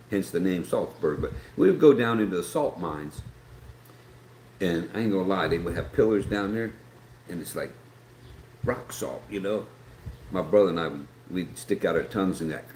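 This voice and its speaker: A middle-aged live stream host from West Virginia, with an Appalachian American accent and a lowish, darkish voice, chats casually and reads viewer comments out loud. His manner is rambling and folksy, and the echoey room carries faint background noise.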